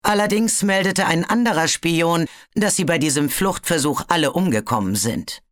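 A storybook narrator voicing a calm sea dragon who speaks dryly and evenly. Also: mid-range voice, no room sound, voice pushed up, close to an everyday voice. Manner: dry, measured. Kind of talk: audiobook character voice.

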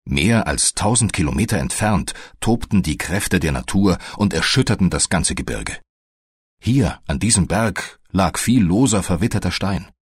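Deep husky guy reading a story slow and careful, lots of rise and fall. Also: animated, no echo, studio quality. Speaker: narrator. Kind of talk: scripted audiobook narration.

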